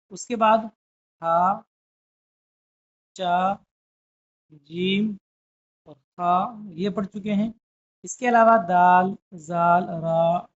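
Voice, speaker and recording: Woman teacher going over letters one by one, slow and careful, slightly dull lo-fi audio. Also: mid-range voice. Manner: slow, deliberate letter-by-letter explaining with frequent checks. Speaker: Urdu teacher. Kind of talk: classroom lesson.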